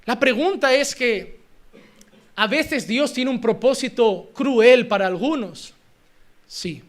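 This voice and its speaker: A man preaching a sermon as a pastor, lively and acting out little scenes of parents and children. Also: extremely high pitch, slow pace. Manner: animated, acts out children and parents in quoted asides.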